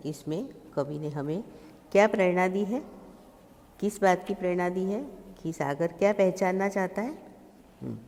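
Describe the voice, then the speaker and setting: Slow low-voiced woman teacher. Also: a little mellow. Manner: slow explaining with checking questions. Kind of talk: recorded Hindi poem lesson. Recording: long reverb.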